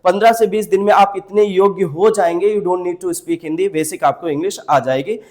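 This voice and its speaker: A man teaching a spoken English lesson. He repeats each example slowly and asks the class to say it back. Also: high-pitched, a little mellow. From India.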